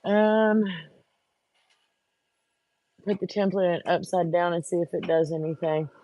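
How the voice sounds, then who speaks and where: This craft vlogger has a lowish, warm voice and takes her time, chatting with viewers as she works on a craft. She gets frustrated along the way and talks to herself, with no room sound in the recording.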